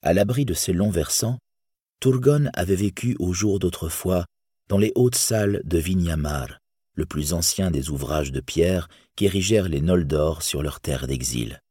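A man reading a fantasy tale aloud in a measured, solemn storytelling voice. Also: low-pitched, warm tone, breathy edge, no room sound, clean studio sound. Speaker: narrator.

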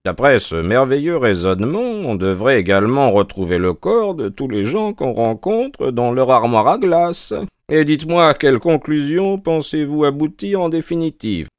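A man voicing a languid, ironic detective in an audiobook, speaking in a dry, teasing and unhurried manner. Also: medium pitch, sing-song, dry recording, pitched above the performer's own voice, close to an everyday voice. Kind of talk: audiobook character voice.

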